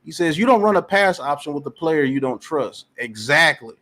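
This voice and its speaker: His voice is a little high and his speed normal as he hosts a casual sports podcast. The man goes through chat comments and argues emphatically, animated and prone to repeating phrases.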